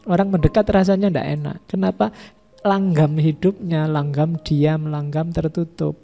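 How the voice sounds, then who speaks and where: Gravelly man giving a casual lecture. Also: fairly high pitch, steady tone, moderate pace, muffled recording, soft background music. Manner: conversational, repeats and lists ideas. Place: mosque hall.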